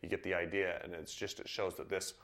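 Brief: deep-voiced man from Idaho, easygoing podcast co-host. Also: little pitch movement, brisk, fairly bright tone. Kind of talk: casual podcast chat.

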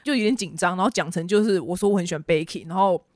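A woman's voice: fairly low pitch, fast, darkish tone, no room sound, studio quality. A woman hosting a casual news podcast, chatty and exasperated, ranting with sarcastic asides. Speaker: podcast host.

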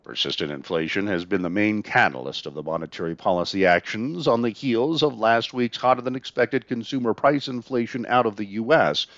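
A man reading scripted financial market news in a formal, measured newsreader delivery. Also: on the low side, fairly bright tone, dry recording, muffled recording.

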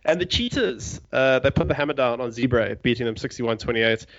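A man's voice: mid-range voice, fairly quick, fairly bright tone, dull audio. A man hosting a rugby podcast, reading match results in a laid-back way with joking asides. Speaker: podcast host. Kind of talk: casual chat.

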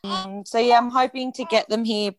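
A woman's voice: fairly high pitch, fairly even intonation, moderate pace. A woman guest chatting hesitantly with many fillers. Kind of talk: casual chat.

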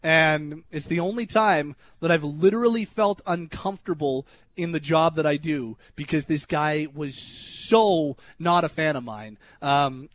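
A young adult man hosting a radio show, telling a story in an animated way that turns loud and high when he retells his anger. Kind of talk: casual storytelling on talk radio. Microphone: studio microphone.

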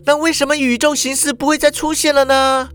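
A man voicing a fiery, bossy young woman who shouts and scolds in a shrill voice. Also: little pitch movement, a little fast, slight background noise. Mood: demanding.

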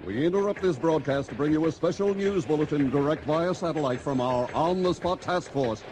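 Announcer breaking into a broadcast. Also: male voice, a little high, brisk. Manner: formal announcer delivery. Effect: staged broadcast interruption announcing a news bulletin. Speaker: news announcer. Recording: distant voice under loud music.

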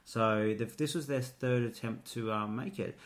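A man's voice: medium pitch, moderate pace. A man with a North Queensland Australian accent, co-hosting a show in casual, jokey chat. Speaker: co-host of a Eurovision show.

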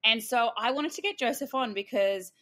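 A woman's voice: on the high side, moderate pace, fairly bright tone. A woman hosting a casual podcast interview, a dental hygienist with a bubbly, jokey manner who laughs often.

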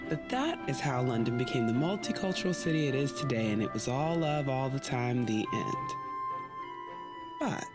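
A woman hosting her own podcast tells the story with a dry, playful wit. Her delivery is relaxed and conversational. Faint music plays under her voice. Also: deep voice. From United States. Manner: wry, conversational. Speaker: podcast host and narrator. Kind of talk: storytelling narration.

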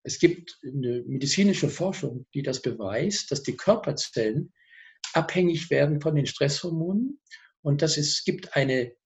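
This guest on a TV interview is a man who speaks about personal growth, and he explains his thinking vividly, packing in examples. His voice leans high and his pace is measured.

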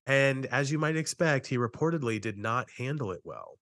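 A man's voice: medium pitch, lively intonation, moderate pace, a bit bright, no echo. A man co-hosting a true-crime podcast, discussing and narrating cases in a conversational way.

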